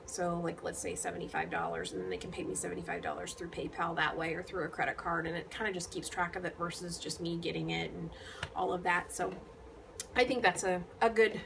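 A woman's voice: fairly low pitch, brisk, creaky, noisy background. A woman hosting a casual knitting vlog, chatting to her viewers with lots of ums and restarts. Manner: rambling, many ums and restarts. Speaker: knitting vlogger. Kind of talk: casual chat to camera.

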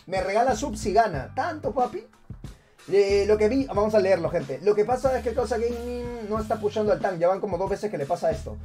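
A man casting a live esports tournament on stream. He calls the action loudly and energetically, then slips into laid-back banter with his chat. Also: sits high, lively intonation, brisk, soft background music. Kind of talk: live esports play-by-play commentary.

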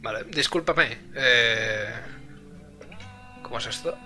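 A man's voice: medium pitch, takes it slowly, sharp tone, soft background music. A man streaming live and translating a game aloud, hesitant and full of fillers.

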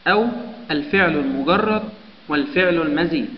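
High-voiced man teaching grammar. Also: brisk. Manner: explains step by step, lists example words one by one. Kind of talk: Arabic grammar lesson. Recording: echoey, dull lo-fi room recording with long reverb.

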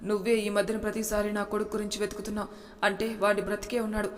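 A woman voicing a desperate young mother who pleads and accuses, in a storybook reading with a flat delivery and an echoing room. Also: mid-range voice, quick pace, close to an everyday voice. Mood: accusing. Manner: pleading, tearful. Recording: reverberant room with faint noise.

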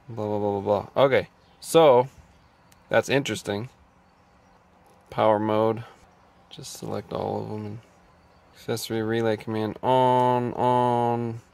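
A man's voice: fairly low pitch, vocal fry. A man working as a mechanic, talking through a scan tool diagnosis inside a car, thinking aloud and reading out values. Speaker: auto mechanic. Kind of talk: casual diagnostic walkthrough.

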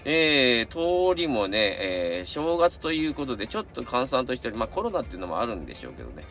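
Fast-talking middle-aged Kansai man. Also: medium pitch, very animated, fairly bright tone. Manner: chatty, rambling, many fillers and asides. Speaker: camera channel host. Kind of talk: casual review and reading viewer submissions.

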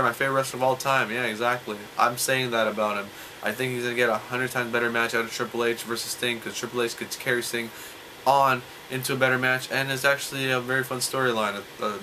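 Bright-voiced young man rambling about wrestling. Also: mid-range voice, a little hiss or hum, poor audio. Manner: rambling, animated, rhetorical questions. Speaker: wrestling vlogger. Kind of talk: casual wrestling analysis.

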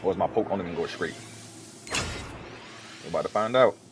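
A man with a very low voice talks through a video game in casual let's play commentary. He rambles, restarts his sentences and chats straight to the enemies on screen, with a faint hum of room noise behind. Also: brisk.

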